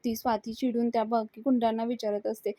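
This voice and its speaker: Woman, serial reviewer, episode recap narration, steady storytelling, mellow tone, dry close sound. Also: fairly high pitch, a little fast, dry recording. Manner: storytelling, steady retelling of scenes.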